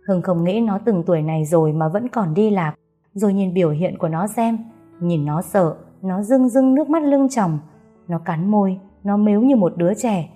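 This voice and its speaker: A woman narrating an audiobook story in a steady, even manner. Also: mid-range voice.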